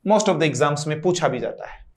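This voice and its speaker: A man who teaches English at a coaching class gives a classroom lecture. He speaks with a Hindi accent, explains each step, asks the class questions and draws out key words slowly. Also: a little high, animated, a little mellow. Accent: Hindi-influenced English.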